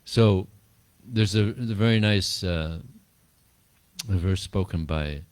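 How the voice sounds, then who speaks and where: A man with a deep, low voice teaches a small group in an easygoing, rambling way. He chuckles often and repeats words as he tells stories. The sound is dry and close. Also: slow, a little mellow, no room sound. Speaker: spiritual teacher answering questions. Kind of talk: informal talk and Q&A.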